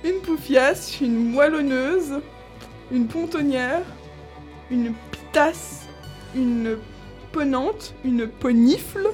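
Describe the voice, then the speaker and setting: A woman's voice: high-pitched, animated, drawn-out words, a little mellow, faint music behind. A woman host in casual chat, listing old slang words with amusement and frequent laughs.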